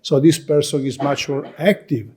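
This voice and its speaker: This Italian speaker, a man whose first language is Italian, presents a lecture at a conference in uneven English, with frequent restarts and repetitions and a noticeable Italian accent. His fairly high voice is mellow, with a slight hiss or hum in the audio.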